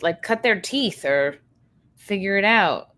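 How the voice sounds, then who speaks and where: Casting: female livestream host, bright forceful tone, blunt and sweary, loose conversational delivery. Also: medium pitch, expressive, slow. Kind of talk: casual chat.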